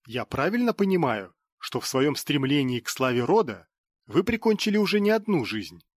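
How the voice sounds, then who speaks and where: A man reading an audiobook voices a stern duke who questions in a controlled, pointedly calm way. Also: a little high, normal speed, no room sound, clean studio sound, voice pushed up. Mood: pointed questioning.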